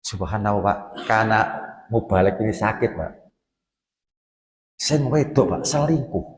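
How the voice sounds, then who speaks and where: A middle-aged man with an East Javanese accent delivers a Sunday morning sermon, speaking slowly and deliberately. He moves between loud, urgent exhortation and hushed storytelling, addressing his listeners directly. His voice rings out in an echoey mosque hall with a long reverb tail. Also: on the low side, animated. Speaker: preacher.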